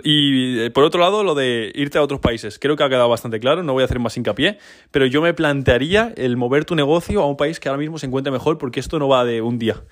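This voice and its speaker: Fast-talking young Spanish man. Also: medium pitch. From Spain. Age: 20s. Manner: fast, chatty, informal, with frequent tag questions. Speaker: podcast host. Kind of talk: casual business podcast monologue.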